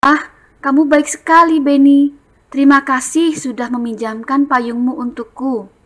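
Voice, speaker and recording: A woman voicing Edo, a grateful young schoolboy, in a bright, sing-song storybook reading voice. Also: sits high, lively intonation, slow, voice pushed up, heavily acted.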